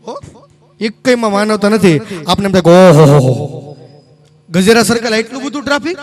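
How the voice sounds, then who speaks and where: A man's voice: high-pitched, a bit bright. A man telling jokes to a live audience, chatting with listeners between stories. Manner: jokey, chatty, addresses audience directly. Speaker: stage comedian. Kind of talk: live comic storytelling. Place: live stage show.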